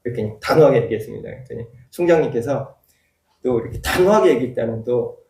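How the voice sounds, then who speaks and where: A man's voice: medium pitch, expressive, quick pace, creaky, darkish tone. A man preaching as a church pastor, telling a personal story and then rising into emphatic preaching. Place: church sanctuary. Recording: echoey church hall, voice from far off.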